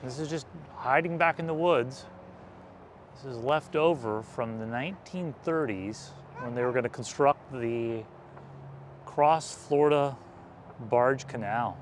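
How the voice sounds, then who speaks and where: A man's voice: mid-range voice, measured pace. Man, vlog guide, casual explainer, outdoor trail recording, faint traffic noise. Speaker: vlog host and explorer guide.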